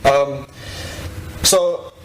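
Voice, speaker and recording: A man's voice: medium pitch, steady tone, drawn-out words, roomy sound, a little hiss or hum, poor audio. A 21-year-old man giving an informal, reflective podium speech to an audience, with some hesitancy. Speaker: activist giving a talk. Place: live event stage before an audience.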